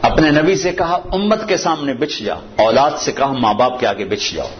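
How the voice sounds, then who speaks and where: A male preacher from Pakistan giving a sermon, telling stories and reciting verses, repeating key phrases for emphasis. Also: mid-range voice. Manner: storytelling with Quranic recitation in Arabic. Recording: old dull lo-fi recording with faint noise.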